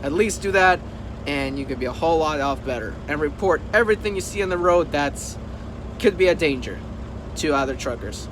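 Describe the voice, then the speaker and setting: His pitch is fairly high, his manner animated, and his pace a little quick as this trucker and video host chats casually to the camera. He hammers his points emphatically and repeats them, with loud vehicle and outdoor noise around him.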